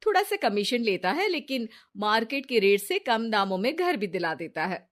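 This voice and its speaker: A woman's voice: fairly high pitch, very animated, normal speed. Woman voicing a coaxing, scheming friend. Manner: coaxing, persuasive chatter. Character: scheming, sweet-talking young woman friend. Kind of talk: animated storybook dialogue.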